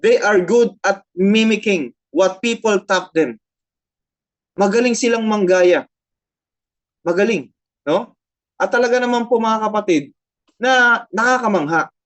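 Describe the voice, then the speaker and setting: A woman's voice: mid-range voice, a little slow, long pauses. A woman pastor with a Filipino accent, preaching a sermon, switching between Tagalog and English, repeating phrases and asking the congregation frequent tag questions.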